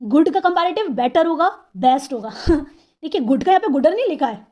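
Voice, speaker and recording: High-voiced woman teaching English grammar. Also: expressive, warm tone. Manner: repeats words slowly to show syllables; asks and answers her own questions.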